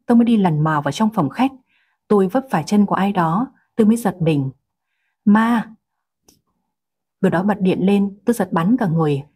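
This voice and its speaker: A woman narrating a first-person story in a calm, even storytelling manner. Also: mid-range voice, husky.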